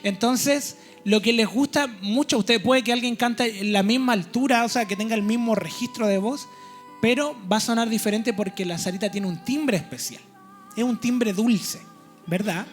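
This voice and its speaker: A man's voice: high voice, moderate pace, soft background music. A man preaching a teaching sermon in a church. He explains step by step and keeps checking in with his listeners.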